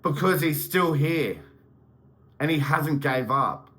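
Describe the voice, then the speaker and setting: A man's voice: on the high side, takes it slowly, bright, forceful tone, slight background noise, rough recording. A young man giving an unscripted motivational monologue, swearing freely and turning heated and emphatic as he speaks. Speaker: motivational vlogger.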